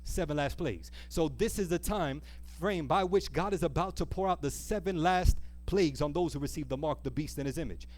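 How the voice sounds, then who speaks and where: Brisk and barely pausing, the preacher speaks on the high side with a touch of mellowness. He delivers an earnest sermon at a live church service, reading scripture, posing rhetorical questions and stretching phrases he wants to stress.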